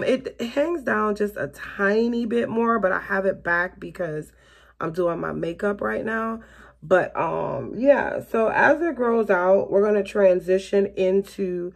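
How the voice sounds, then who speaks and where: Her voice gravelly and medium in pitch, a Southern beauty vlogger from Florida, late thirties, talks chattily to "you guys" while applying makeup in her small bedroom. The casual get-ready-with-me chat rambles and is full of laughter, filmed by a camera close in front.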